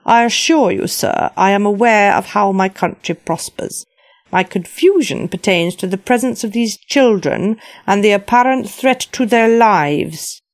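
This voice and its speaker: A woman's voice: medium pitch, expressive, unhurried, no room sound, clean studio sound, pitched above the performer's own voice. A woman voicing an imperious elderly widowed queen who speaks formally and with disdain.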